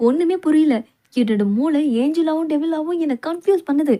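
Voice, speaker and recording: A woman's voice: sits high, brisk, dark tone, close to an everyday voice. A woman voicing a flustered young woman who keeps muttering anxious asides to herself in a dubbed comedy drama. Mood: fretful. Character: flustered young woman dodging an arranged marriage. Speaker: fan dubbing voice actress.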